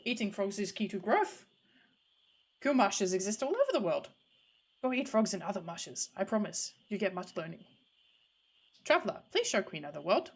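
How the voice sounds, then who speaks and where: A woman's voice: medium pitch, sing-song, normal speed, long pauses, husky, pitched below the performer's own voice. Woman playing a stern, scolding old master. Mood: instructing.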